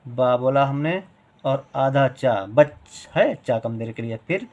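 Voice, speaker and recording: A man's voice: mid-range voice, lively intonation, takes it slowly, a little mellow, lo-fi sound. A man teaching a spoken writing lesson, patiently repeating syllables and stretching sounds to show how long each is held.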